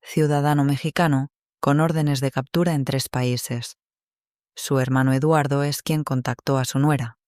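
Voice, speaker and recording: A man voicing a female police agent who speaks in a flat, matter-of-fact way. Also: medium pitch, normal speed, clean tone, no room sound, clean studio sound, close to an everyday voice.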